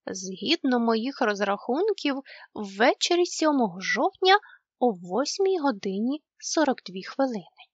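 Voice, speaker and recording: A woman voicing a calm, learned male professor in a storybook, speaking slowly and deliberately. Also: fairly high pitch, husky, no echo, lo-fi sound, heavily acted. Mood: measured.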